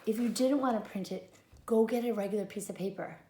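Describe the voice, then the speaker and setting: A kindergarten teacher giving gentle, step-by-step instructions during a read-aloud lesson, filmed on a handheld camera. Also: female voice, mid-range voice, brisk, reverberant, slight background noise.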